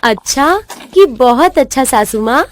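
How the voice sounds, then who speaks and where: A woman's voice: high voice, expressive, measured pace. A woman voicing a crafty young daughter-in-law in a cartoon story, sugary and theatrically whiny. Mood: fake-sweet. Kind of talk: animated storybook voice acting.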